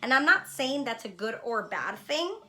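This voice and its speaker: A Honduran-born woman now living in Los Angeles, a spiritual vlogger and card reader, speaks to her viewers in a casual, heartfelt way. Her voice sits on the high side and sounds sing-song, pushed and bright at a moderate pace. She's reflective and earnest, often checking in with a "right?"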